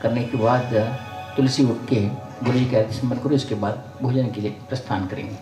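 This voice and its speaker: A man's voice: mid-range voice, fairly even intonation, a little fast, warm tone, soft background music. An older man, a spiritual teacher, giving a folksy sermon to a gathering, blessing and scolding by turns. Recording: roomy sound from far off the mic.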